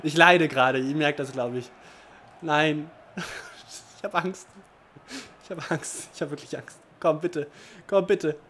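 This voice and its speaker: A man commentating his own football video game match, excitable, swinging from low muttering to shouting. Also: unhurried, pauses often, slight background noise. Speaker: gaming commentator. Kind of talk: live Let's Play commentary.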